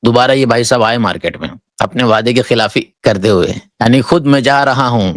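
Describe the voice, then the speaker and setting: A man delivers reaction commentary in a mocking, preachy register. His voice sits at a middle pitch and is recorded close and dry, with no room sound. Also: no echo. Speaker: Islamic cleric and online commentator.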